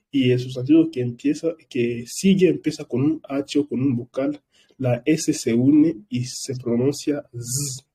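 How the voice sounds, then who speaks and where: Man teaching slowly in a dark, husky voice. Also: mid-range voice. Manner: slow, patient explanations with frequent "vale?" check-ins. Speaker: French teacher. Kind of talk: online language class. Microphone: computer microphone.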